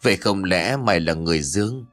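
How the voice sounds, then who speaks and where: A cold, menacing ghost innkeeper woman with a husky, low voice, asking her questions in a flat and soulless tone, as a male narrator puts her on. The lines come unhurried and heavy, as in a spoken horror story. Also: faint music behind.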